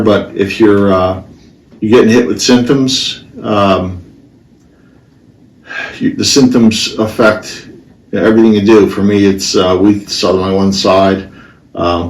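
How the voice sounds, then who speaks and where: A middle-aged man hosting a casual podcast, talking bluntly and haltingly, with half his face numb. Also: on the low side. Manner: halting, hesitant, blunt and profane. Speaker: podcast host. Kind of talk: casual solo podcast talk, personal storytelling. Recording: roomy, distant mic with faint noise.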